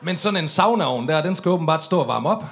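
A man's voice: on the high side, animated, fairly bright tone. A man performing a stand-up story on stage, swearing freely and acting out the drunk voices of the people in it. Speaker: comedian telling a story on stage.

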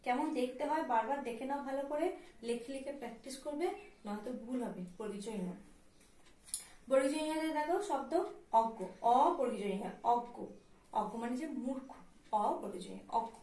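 A woman with a fairly high voice and a West Bengal accent teaches young children in a slow, patient way, spelling words out letter by letter. She sounds a little way off from the mic. The room around her is echoey. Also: warm tone, distant mic. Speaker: primary school teacher. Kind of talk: recorded class lesson.

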